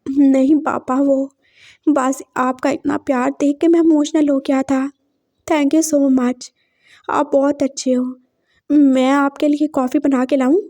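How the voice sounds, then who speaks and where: A woman's voice: sits high, level tone, takes it slowly, dark tone. A woman voicing a young man who swears revenge while playing sweet, in a fan fiction story read aloud. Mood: sweet, eager. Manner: bitter, threatening inner monologue. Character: young man, vengeful, sweet to his face.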